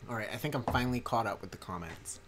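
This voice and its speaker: A man's voice: mid-range voice, expressive, fast talker, fairly bright tone, slight background noise. A young man livestreaming a strategy game, chatting in a rambling way with many fillers and restarts while reading chat. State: tired from a long day. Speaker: streamer and mod maker. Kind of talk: casual livestream commentary.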